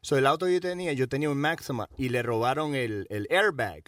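A man's voice: mid-range voice, brisk, dry recording. Bilingual male co-host telling a story, dry distant sound. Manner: mixes Spanish and English, animated storyteller. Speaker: radio show co-host. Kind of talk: casual storytelling.

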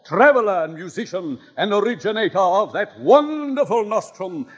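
An actor playing a smooth-talking medicine-show swindler with grandiose, flowery patter in an old radio drama. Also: male voice, high-pitched. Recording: dull old radio recording with long reverb.

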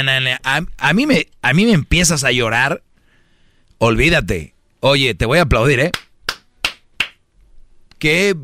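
A man's voice: medium pitch, bright, forceful tone, no echo, studio quality. Brash, slangy Mexican man lecturing. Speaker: host giving relationship advice to men. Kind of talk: lively advice talk show.

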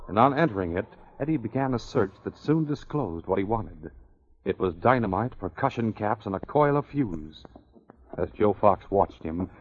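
Low-voiced man narrating old radio. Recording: dull, hissy, clicking old radio recording.

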